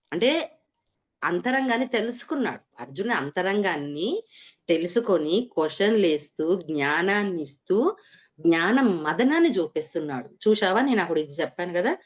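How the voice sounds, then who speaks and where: A woman explains scripture to her listeners in a fairly low voice. She works through each verse, poses rhetorical questions and answers them herself. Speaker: spiritual teacher. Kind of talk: scripture lesson.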